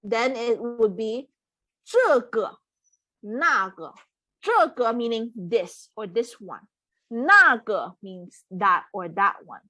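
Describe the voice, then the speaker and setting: Brief: woman language tutor on a video call, slow and patient, lively pitch, dry close sound. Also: no room sound. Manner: patient, repeats words and checks with "okay?". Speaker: online Mandarin tutor. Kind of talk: live online language lesson.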